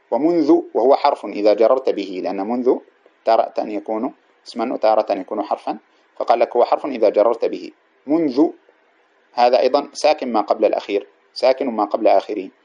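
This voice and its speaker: A man teaches Arabic grammar from a classic text, explaining point by point, repeating examples and posing rhetorical questions to his class, often trailing off and restarting words mid-phrase. His mellow voice is mid-range and the sound is lo-fi.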